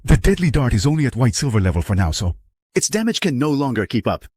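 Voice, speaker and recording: A man voicing a cold, calculating young male warrior hero who speaks in a cool, matter-of-fact way, with a slightly husky tone. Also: mid-range voice, sing-song, quick pace, darkish tone, dry recording.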